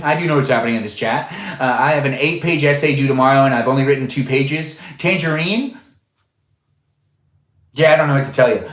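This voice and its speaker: A man's voice: fairly high pitch, fairly bright tone, echoey room. A man in his twenties hosting a live stream, casually chatting and reading out viewer comments with frequent laughs. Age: 20s. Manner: chatty, reads viewer names aloud, laughs often. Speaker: livestream host.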